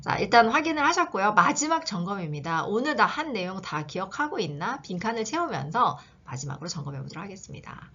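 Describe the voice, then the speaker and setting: 생동감 있게 설명하는 여자 영어 선생님. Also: female voice, mid-range voice, quick pace, few pauses, husky, lo-fi sound. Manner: lively, asks questions, then answers them herself. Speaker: English teacher. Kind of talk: English reading lesson.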